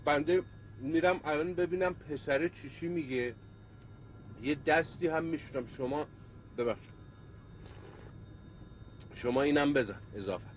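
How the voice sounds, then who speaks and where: A man's voice: a little high, pauses often, slight background noise, close to an everyday voice. An actor playing a middle-aged man who poses as an airline captain, polite but bossy, repeating courtesies.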